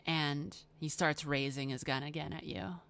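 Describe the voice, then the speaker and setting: A woman narrating as game master of a tabletop role-playing game, slow and hesitant with many fillers. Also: sits low, fairly even intonation, fairly bright tone, slight background noise.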